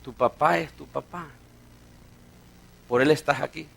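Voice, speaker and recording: A man preaching a sermon as a pastor, telling a story and swinging between loud and hushed delivery. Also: fairly high pitch, measured pace, vocal fry.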